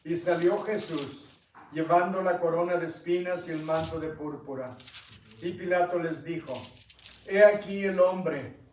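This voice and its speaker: Impassioned preacher, echoey distant church. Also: male voice, a little high, steady tone, normal speed, slight background noise. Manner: impassioned, quizzes the congregation, builds to loud climaxes. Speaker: pastor. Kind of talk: sermon with Bible reading. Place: church sanctuary.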